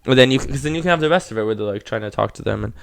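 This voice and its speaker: A man's voice: mid-range voice, animated, very fast, vocal fry, no echo, studio quality. A young man co-hosting a podcast in casual, playful chat, full of "like"s. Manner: playful, filler-heavy talk with many "like"s. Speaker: podcast co-host.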